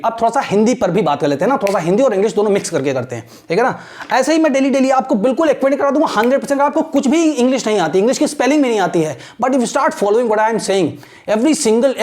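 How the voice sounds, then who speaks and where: An Indian man teaching English to exam students, reading sentences slowly and repeating them, then explaining in quick talk and checking in with "right?". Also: very high-pitched, darkish tone. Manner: motivational, coaching tone. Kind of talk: bilingual exam-prep lesson.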